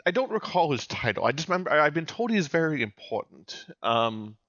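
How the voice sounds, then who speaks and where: A man's voice: a little high, very animated, brisk, fairly bright tone, no echo, highs cut off. A man voicing a fussy, flustered male noble who stumbles over his words in a tabletop role-play.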